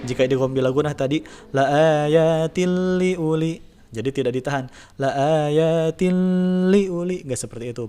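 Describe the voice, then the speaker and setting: A man teaching a tajwid lesson, in a relaxed explaining voice, slowly drawing out recitation examples. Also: medium pitch. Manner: slow drawn-out recitation demos between relaxed explanations. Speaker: religion teacher.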